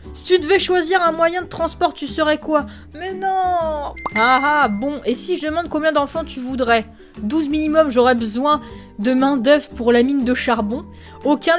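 Brief: woman, high voice, sarcastic let's-play commentator, faint music underneath. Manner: sarcastic, exasperated asides, laughing. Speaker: gaming YouTuber. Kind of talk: let's play commentary, reading game choices aloud.

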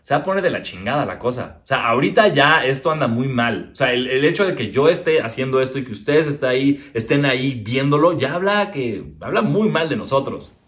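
A man's voice: mid-range voice, expressive, brisk, few pauses, fairly bright tone. A young Mexican man doing stand-up comedy from his living room, crude and self-mocking, arguing back and forth with himself.

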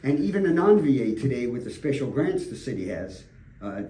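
Older man, earnest storyteller, mellow tone, distant mic, echoey room. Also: medium pitch, sing-song, normal speed. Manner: earnest, storytelling, emphatic repetitions. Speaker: realtor guest. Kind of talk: conversational radio interview. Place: radio studio. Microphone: desk microphone. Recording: roomy studio, distant mic.

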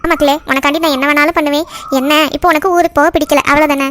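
A woman's voice: high voice, steady tone, racing, a little hiss or hum, lightly acted. Woman voicing a doting tender cartoon mother. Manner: tender, indulgent. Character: doting middle-aged mother.

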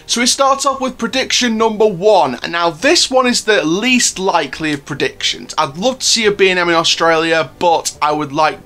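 A man's voice: sits high, expressive, moderate pace, few pauses, pushed and bright. A man hosting a theme park news channel, talking to viewers in a chatty, enthusiastic fan style. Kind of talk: casual news commentary.

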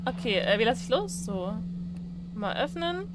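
A woman's voice: a little high, big pitch swings, unhurried, heavy background noise. A woman playing a horror game and commenting on it, chatty and teasing, reading on-screen prompts aloud and laughing often. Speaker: gaming YouTuber. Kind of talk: let's play commentary.

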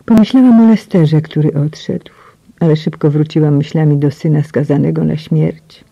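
Breathy woman reading an audiobook. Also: low-pitched, normal speed, mellow, no echo. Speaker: audiobook reader. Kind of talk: first-person audiobook narration. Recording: slightly muffled, dry.

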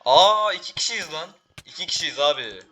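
A teenage boy giving excitable live commentary while playing a game, calling out to teammates and viewers. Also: on the high side, normal speed. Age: teens. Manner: excitable, talks to teammates and viewers, frequent exclamations. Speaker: gaming YouTuber.

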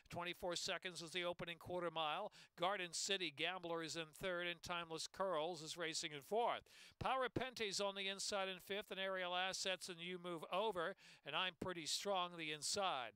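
A man's voice: on the high side, bright, forceful tone, clear, resonant tone, no room sound. A man working as a race caller, giving live running commentary on a horse race. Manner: running call, rising in urgency toward the finish.

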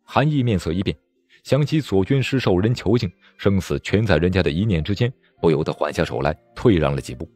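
A male audiobook narrator telling a martial-arts tale. His voice is low and husky, with a lively, rising-and-falling delivery, and faint music plays underneath. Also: fairly quick. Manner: dramatic, expressive. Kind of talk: storytelling narration.

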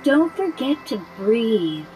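A woman voicing a calm female robot yoga instructor in a video game, speaking in a slow, even, robotic way. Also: a little high, poor audio. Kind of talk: video game character dialogue. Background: game music.

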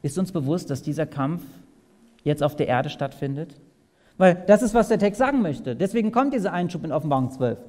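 A man preaching a sermon, asking his listeners direct questions and swinging between loud and soft. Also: fairly high pitch, expressive, brisk. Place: large hall at a camp meeting. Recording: long hall reverb.

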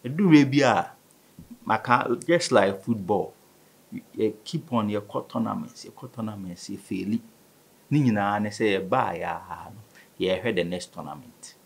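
Speaking with a fairly low pitch at normal speed, this man's voice carries vocal fry and a breathy edge. He's in his thirties, has a Ghanaian West African accent, and chats as a sports interview guest in a mix of Twi and English. The conversational studio interview takes place in a small indoor room, picked up by a studio microphone on a table stand.

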